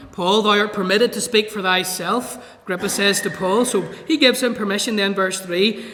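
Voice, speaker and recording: A man's voice: extremely high pitch, bright, forceful tone. A man preaching a sermon in a church, reading scripture verses aloud and explaining them. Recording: echoey church hall.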